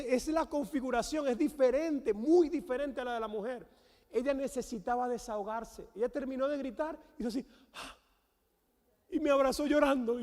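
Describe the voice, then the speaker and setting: A man with a Venezuelan accent, a guest pastor, preaching a sermon with animated storytelling and acted-out quotes. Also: extremely high pitch. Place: church sanctuary. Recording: long church hall reverb.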